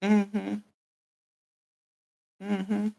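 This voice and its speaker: High-pitched, creaky-voiced American man chatting casually. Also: monotone, drawn-out words, mellow. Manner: repeats and restarts phrases over and over; informal, colloquial phrasing. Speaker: recap show host. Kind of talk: casual live recap chat about reality TV.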